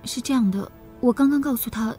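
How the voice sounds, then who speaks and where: A man's voice: very high voice, fairly quick. A young man playing an earnest village son who pleads and explains, in a TV drama. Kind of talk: TV drama acting. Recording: drama audio with music underneath.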